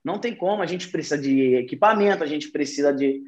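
A man quoting a calm, patient male doctor. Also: a little high, quick pace, pitched below the performer's own voice, lightly acted. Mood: explaining. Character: calm adult male doctor explaining procedure.

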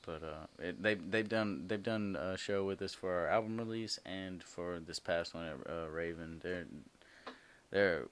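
A man chatting casually as a festival organizer on a podcast, laid-back and halting, with many fillers and restarts. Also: low-pitched, a bit bright, smooth.

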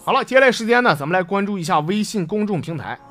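A man's voice: high-pitched, animated, fast. A man with a Northeastern Mandarin accent hosting a comic storytelling show, chatty and laughing at his own jokes. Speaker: host. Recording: music bed behind the voice.

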